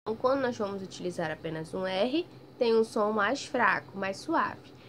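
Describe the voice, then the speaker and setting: A woman teaching a primary school class in a recorded lesson, speaking patiently, drawing out example words loudly and checking in often. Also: medium pitch, expressive, normal speed, slight background noise. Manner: ends phrases with "tá bem?" checks. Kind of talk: recorded remote lesson for children.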